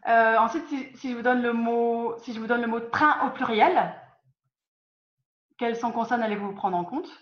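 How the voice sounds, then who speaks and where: A woman's voice: fairly high pitch, normal speed. Woman teaching over a roomy, dull call. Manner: patient, repeats and restarts phrases, quizzes students. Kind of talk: online group lesson. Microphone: video call.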